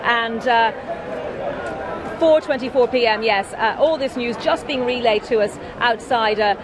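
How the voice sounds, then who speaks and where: A woman reports breaking news live from outdoors in a fairly high voice. She improvises a little haltingly as updates reach her, with a clearly audible crowd behind her. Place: outdoors outside a hospital. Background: large cheering crowd.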